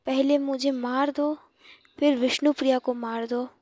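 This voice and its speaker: A grieving widowed mother, heartbroken and pleading through tears, as a woman storyteller puts her on. The voice sits high and keeps to a narrow, level line, recorded close and dry with no room sound. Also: steady tone, unhurried, a little mellow, no room sound. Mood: anguished. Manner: tearful pleading.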